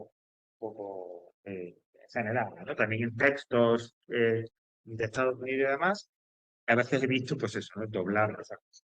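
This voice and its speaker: A man's voice: mid-range voice, no room sound. Man teaching a grammar class. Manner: explanatory, with frequent fillers, restarts and checks like "¿vale?". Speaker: English teacher.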